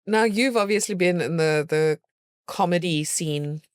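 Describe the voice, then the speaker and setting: Podcast host asking questions, mid pitch. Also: a little slow, clean tone, dry recording, clean studio sound. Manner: brief encouraging replies and questions. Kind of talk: interviewer.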